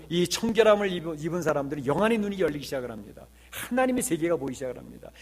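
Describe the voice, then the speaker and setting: Earnest, slightly high-voiced male pastor. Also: breathy edge. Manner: earnest, with emphatic swells and rhetorical questions. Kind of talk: sermon.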